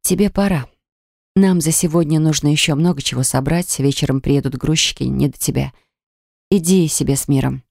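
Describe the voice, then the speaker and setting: A woman reading an audiobook voices a proud, quick-tempered young woman who talks sharply and indignantly. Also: sits low, steady tone, gravelly, darkish tone, no room sound, clean studio sound. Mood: cold, defiant.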